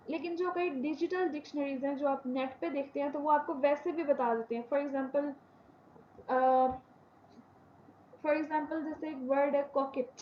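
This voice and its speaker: A woman with a high, clear-pitched voice gives a classroom lecture as a university English teacher. She drags out her example sentences word by word, then rattles off quick explanations. The recording is slightly dull and lo-fi, with a faint hiss underneath. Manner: repeats key words for emphasis.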